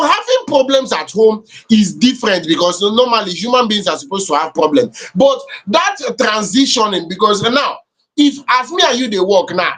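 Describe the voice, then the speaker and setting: A man's voice: high-pitched, fairly bright tone. A man with a Nigerian accent co-hosting an entertainment talk show, giving conversational commentary that switches between English and Nigerian Pidgin.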